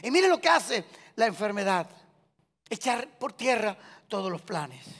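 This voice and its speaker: A man preaching a sermon with a Colombian Spanish accent, calling on the congregation to answer and swinging between loud cries and quiet lines. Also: high voice, sing-song, a little slow. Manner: preaching with call-and-response to the congregation. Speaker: pastor. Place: large church hall. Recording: long hall reverb.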